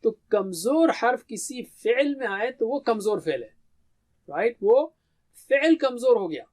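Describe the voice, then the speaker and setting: A man's voice: high voice, a little mellow. Urdu-speaking man lecturing on Arabic grammar. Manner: explains step by step, asks and answers own questions. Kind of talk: classroom lecture on Quranic grammar.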